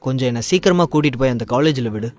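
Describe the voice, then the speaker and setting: A man's voice: mid-range voice, racing, close to an everyday voice. A man doing a worried, protective young hero. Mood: worried, reassuring. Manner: anxious, reassuring.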